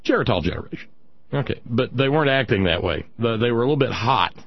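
A man hosting political talk in a conversational, sardonic way, with halting asides. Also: medium pitch, expressive, muffled recording. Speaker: political talk show host.

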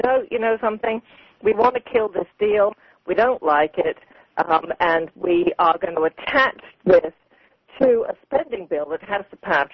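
A woman's voice: on the low side, slightly rough, dry recording. A woman correspondent reporting live on radio over a landline home phone, thinking aloud with many ums and restarts. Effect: heard over a landline home phone. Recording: crackly narrow landline phone audio.

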